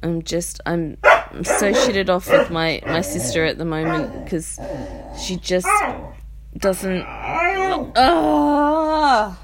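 Cranky woman with heavy vocal fry. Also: lowish voice, fairly even intonation, slow pace, very noisy. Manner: cranky, rambling, scolds the dog sharply. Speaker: podcast host. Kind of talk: casual solo podcast chat. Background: a dog whining and barking.

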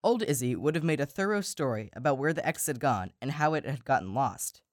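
A man co-hosting a podcast and reading a children's story aloud, slowing down for emphasis. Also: mid-range voice, animated, no echo, clean studio sound. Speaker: podcast co-host and story reader. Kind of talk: storybook narration.

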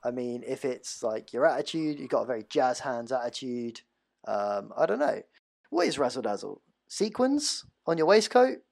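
A laid-back man co-hosts a casual podcast with wry jokes. His voice is gravelly with frequent creak and sits at a middling pitch. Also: very animated, normal speed, darkish tone. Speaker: podcast co-host.

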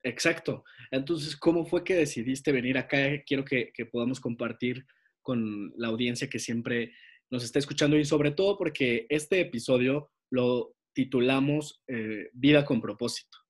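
A man's voice: mid-range voice, moderate pace. A man hosting an interview podcast, praising his guest and asking open questions. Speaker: podcast host.

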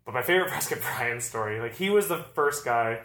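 A man's voice: medium pitch, lively intonation, brisk, bright, forceful tone. A man in his thirties from Arizona, co-hosting a casual chat and telling loose, rambling stories about riding. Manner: rambling storyteller, loose and laid-back. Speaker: podcast co-host, BMX rider. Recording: echoey room.

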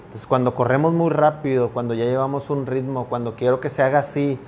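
Earnest man with halting speech. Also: medium pitch, fairly even intonation, darkish tone, a little hiss or hum. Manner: earnest, halting with frequent restarts. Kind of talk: reflective conversation.

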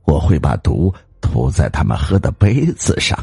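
A man's voice: wildly swooping pitch, normal speed, vocal fry, darkish tone, husky, dry recording, full character voice. A man voicing a greedy, scheming wife who bosses and scolds her timid husband. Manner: scolding, bossy, shrill. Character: scheming greedy wife, woman, sharp-tongued.

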